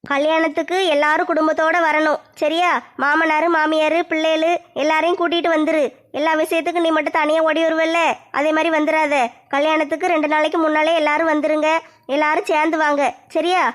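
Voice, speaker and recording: A woman plays roles in a village comedy skit, brisk and bossy. Her voice is very high and she rattles through lines quickly. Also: little pitch movement.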